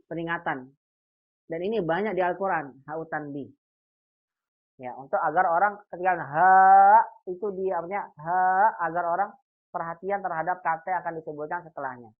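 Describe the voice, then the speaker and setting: A man teaching an online Arabic grammar class, patiently repeating example phrases and quizzing his students. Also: high voice. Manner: patient, repeats example phrases slowly and asks quiz questions. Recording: dull lo-fi online call audio.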